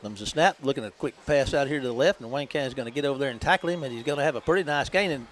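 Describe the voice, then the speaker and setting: A man calling a high school football game on local radio in a folksy, chatty way, laughing easily. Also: rapid-fire, a little hiss or hum. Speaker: play-by-play announcer.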